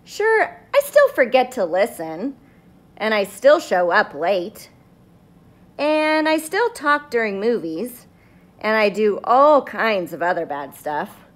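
A woman plays a little sunflower seed, grumpy but trying to be good, confessing its story from a children's book. The delivery is dramatic and slow, with big swings in pitch. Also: very animated. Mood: earnest, hopeful. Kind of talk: children's storybook read-aloud.

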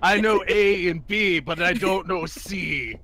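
Bright-voiced man cracking goofy jokes. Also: high-pitched, takes it slowly, faint music behind. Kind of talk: casual gaming chat.

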